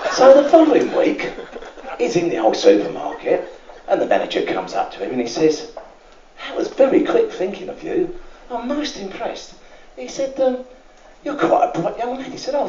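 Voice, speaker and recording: Comedian telling jokes in a roomy lounge. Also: male voice, a little high, creaky. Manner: chatty, many "and, um" fillers, asks the crowd "isn't it". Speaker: stand-up comedian. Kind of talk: stand-up joke telling. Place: lounge on a cruise ship. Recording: roomy, muffled lounge recording from far off.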